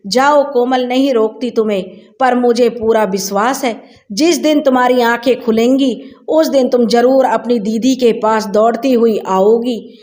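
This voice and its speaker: A woman voicing a gentle elder sister-in-law who pleads through tears in a storybook reading. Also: on the high side, a little slow, natural voice. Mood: pleading. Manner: pleading, tearful.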